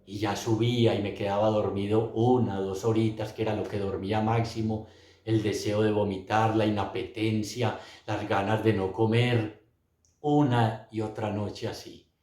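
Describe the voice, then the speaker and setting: A man's voice: lowish voice, level tone, moderate pace, a little mellow. A middle-aged man giving an earnest, emotional religious testimony, speaking straight to his listeners. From Colombia. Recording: roomy echo.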